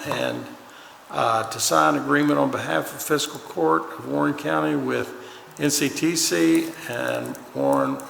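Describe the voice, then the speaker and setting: A man's voice: on the high side, vocal fry, a bit bright. A man presiding over a county court meeting, reading agenda items in a plain businesslike way. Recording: echoey chamber with long reverb and faint noise.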